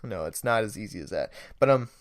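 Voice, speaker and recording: A man's voice: fairly low pitch, animated, fast, no echo, studio quality. A young man hosting a podcast, telling a rambling story in a casual way, laughing and swearing now and then. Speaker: podcast host.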